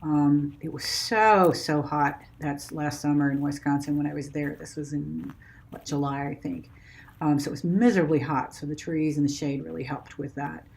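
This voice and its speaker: A woman's voice: sits low, steady tone, normal speed, vocal fry, a little mellow. A woman narrating a travel vlog in a casual, hesitant, unscripted conversational way. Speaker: travel vlogger.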